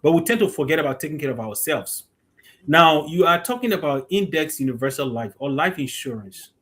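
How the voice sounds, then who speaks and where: A man's voice: on the high side, lively intonation, a little fast, fairly bright tone. A man hosting an interview, addressing his guest as a brother and restarting phrases. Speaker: host.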